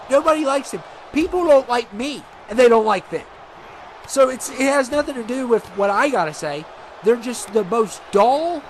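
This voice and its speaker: A man's voice: sits high, a bit bright. A man commentating a video game wrestling show, ranting with mock outrage and repeating himself.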